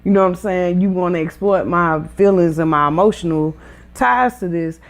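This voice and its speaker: A woman's voice: on the low side, moderate pace. A woman co-hosting a podcast in casual chat, sassy and emphatic, repeating words for punch. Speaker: podcast co-host.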